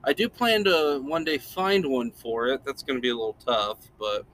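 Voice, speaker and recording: A man's voice: mid-range voice, sing-song, normal speed, fairly bright tone, a little hiss or hum. A man hosting a podcast in casual chat, laid-back and rambling, chuckling often. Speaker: podcast host.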